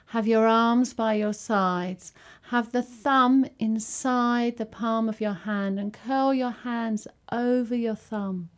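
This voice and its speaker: A woman guiding a yoga and relaxation session, giving soft, soothing instructions with long pauses between phrases. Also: fairly high pitch, steady tone. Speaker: yoga teacher.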